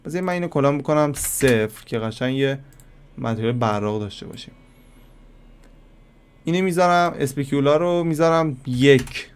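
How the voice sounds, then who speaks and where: Casual man teaching software on screen. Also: medium pitch, lively intonation, long pauses, smooth. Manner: casual, addresses viewers as kids, thinks aloud while clicking. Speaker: software tutorial instructor. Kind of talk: screen-recorded software lesson.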